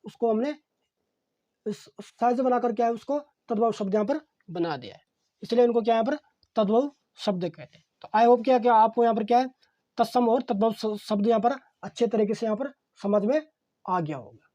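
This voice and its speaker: Mellow-voiced male teacher drilling a grammar lesson. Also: very high voice, lo-fi sound. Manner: repetitive, asks himself rhetorical questions and answers them; fills pauses with "okay, friends". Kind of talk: exam-prep grammar lesson.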